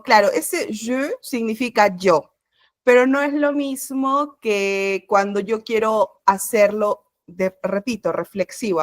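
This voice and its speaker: A French teacher leads an introductory language class over a video call, explaining each point patiently and step by step. Her voice is middle-pitched, and the sound is close and dry, with no room echo.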